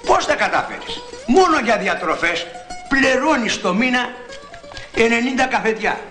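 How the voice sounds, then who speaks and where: An actor playing a wisecracking, chummy friend in an 1980s film comedy, teasing in a mocking way. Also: male voice, very high voice, big pitch swings, pushed and bright, heavily acted. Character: wisecracking pal, teasing and curious. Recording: echoey old film soundtrack with guitar.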